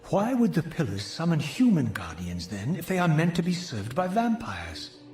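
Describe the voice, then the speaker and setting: A man's voice: a little high, huge pitch swings, normal speed, a little mellow. A man playing a tormented, bitter undead wraith in a video game, with a theatrical, formal, brooding delivery. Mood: probing. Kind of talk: dramatic video game voice acting. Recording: echoey, music underneath.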